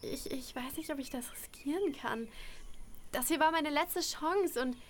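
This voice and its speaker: A woman's voice: sits high, unhurried, pushed and bright, a little hiss or hum. A woman voicing a torn young woman contestant who hesitates, repeats words and sometimes whispers. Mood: hesitant.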